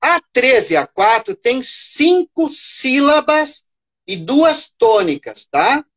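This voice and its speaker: Slow, patient Brazilian teacher woman. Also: high-pitched, sing-song. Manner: slow, patient, repeats "tá?" and counts syllables aloud. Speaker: teacher presenting a workshop for teachers. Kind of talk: live online teaching session.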